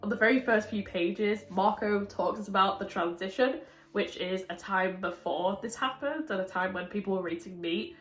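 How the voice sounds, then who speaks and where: A woman's voice: medium pitch, moderate pace, a bit bright. Sick woman, muffled as through glass. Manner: chatty, many likes, laughs often. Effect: muffled, as if talking through a window. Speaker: book reviewer. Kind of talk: casual chat. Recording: echoey room.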